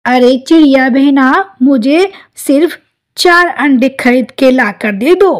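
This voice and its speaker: A woman's voice: high voice, slow pace. A woman doing a sweet little sparrow. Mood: coaxing. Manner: friendly, coaxing. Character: helpful little female sparrow. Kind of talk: cartoon voice acting.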